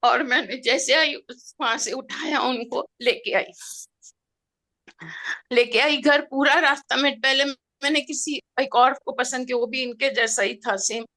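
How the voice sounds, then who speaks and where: A middle-aged woman telling an emotional personal story in an expressive, heartfelt way, slipping in English words. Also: sits high, unhurried. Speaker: participant sharing a personal experience.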